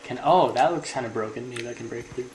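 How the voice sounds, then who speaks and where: A man's voice: mid-range voice, quick pace, background noise. A young man giving casual, rambling gameplay commentary as a let's play host. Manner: chatty, rambling, easily amused. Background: game music.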